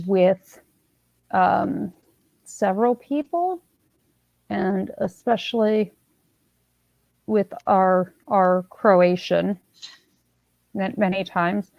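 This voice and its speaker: A woman's voice: medium pitch, gravelly, no echo, highs cut off. A woman hosting a casual livestream chat, talking in a chatty, meandering way and often trailing off mid-sentence. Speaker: livestream host.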